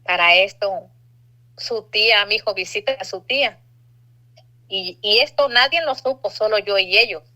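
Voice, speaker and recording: A middle-aged woman tells her story in an earnest, confessional way. Her voice is bright and sits at an ordinary pitch for a woman. She voices the other people in her story as she goes. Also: normal speed, rough recording. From Mexico. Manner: earnest, confessional, acts out dialogue. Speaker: testimony speaker. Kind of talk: personal testimony.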